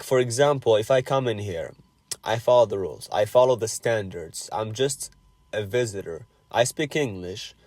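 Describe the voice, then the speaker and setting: A man's voice: on the low side, a little mellow, dry recording. Blunt young man from Algeria. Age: 20s. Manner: blunt, curious, swears freely. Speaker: host chatting with strangers online. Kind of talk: casual chat.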